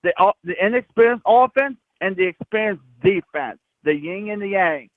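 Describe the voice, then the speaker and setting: A man from Florida calls in to a sports show over the phone and rambles excitably through his points with plenty of jokes. His voice sits high, and the line is thin and tinny. The sound is dry and close. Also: normal speed, dry recording. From Crestview, Florida, US. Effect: heard over a phone line. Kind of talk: casual phone-in chat.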